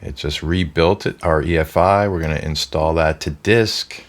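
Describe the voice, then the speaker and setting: A man with a nasal voice from a cold, hosting a relaxed, step-by-step tech tutorial. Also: a bass voice, moderate pace. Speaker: tech channel host. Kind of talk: casual tech tutorial narration.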